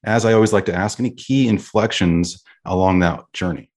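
A man's voice: low-pitched, brisk, a little mellow. A man hosting a sales podcast, introducing his guest in an upbeat, enthusiastic way. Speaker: podcast host.

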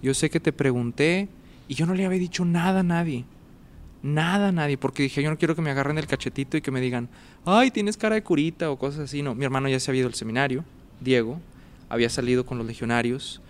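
A man's voice: a little high, fast, a little hiss or hum. A man, casually telling a personal story as a guest and acting out the dialogue and sounds. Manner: animated, acts out dialogue and sounds.

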